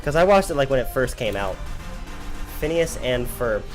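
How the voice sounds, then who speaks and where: A young man in his twenties rambles through a casual gameplay stream, laughing often as he answers chat. His pitch sits in an ordinary middle range for a man, and soft game music plays faintly behind him. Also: big pitch swings, moderate pace. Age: 20s. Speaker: livestreamer.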